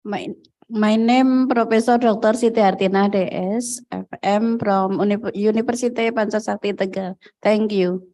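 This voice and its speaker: Woman, professor, mellow tone, formal. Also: medium pitch, fairly even intonation, normal speed.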